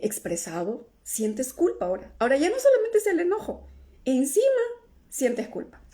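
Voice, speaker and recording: A middle-aged woman with a soft, mellow, medium-pitched voice gives a live-stream talk as an emotional healing coach. She checks in with listeners constantly, ending nearly every phrase with "¿no?" or "¿sí?", and answers viewer comments aloud as they arrive.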